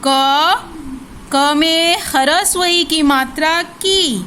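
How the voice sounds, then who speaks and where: A woman's voice: extremely high pitch, extremely slow, sharp tone, a little hiss or hum, poor audio. A woman teaching a class of young children, spelling out words syllable by syllable and asking questions that she then answers herself. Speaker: primary school teacher. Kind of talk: slow, drilled recitation lesson for young children.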